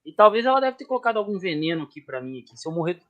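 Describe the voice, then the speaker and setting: High-voiced joking man host. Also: racing, dull audio. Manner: joking storyteller, lively slangy delivery. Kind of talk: casual podcast chat.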